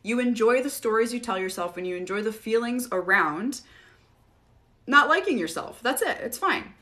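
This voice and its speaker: A woman hosting a casual live Q&A, relaxed and chatty, often laughing as she answers viewers. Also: a little high, normal speed. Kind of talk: casual livestream Q&A.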